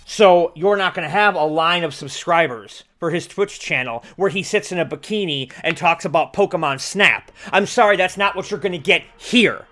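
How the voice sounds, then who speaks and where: A man's voice: on the high side, normal speed, hardly any pauses, bright, forceful tone, faint music behind. A man in his forties delivering an impassioned monologue as a livestream host, blunt and sweary, leaning hard on key words. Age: 40s. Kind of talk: impassioned monologue to an online audience.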